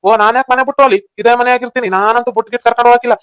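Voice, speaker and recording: A man's voice: very high-pitched, steady tone, rapid-fire, fairly bright tone, smooth, no echo. A man voicing a stubborn young village man in a cartoon, speaking with a North Karnataka Kannada accent. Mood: insistent. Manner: stubborn, insistent. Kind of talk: cartoon voice acting.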